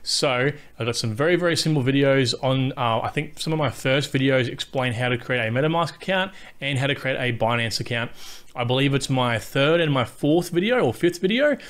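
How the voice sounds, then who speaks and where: A young man hosting a casual tutorial with a self-described monotone delivery, walking viewers through steps and often checking in with a quick question. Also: medium pitch. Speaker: host of a crypto tutorial channel. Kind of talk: casual screen-walkthrough tutorial.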